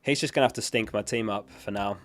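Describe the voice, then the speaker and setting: A man with a lowish voice talks fast while hosting a livestream, casually reading viewer questions aloud and answering them matter-of-factly. He sounds unwell, and his voice is starting to give out. He's recorded on a close dynamic studio microphone.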